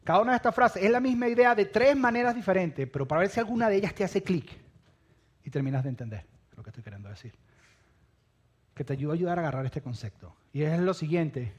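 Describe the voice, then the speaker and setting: A man preaching a sermon, emphatic, repeating phrases and dropping low and quiet at the ends of lines. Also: lively intonation, fast.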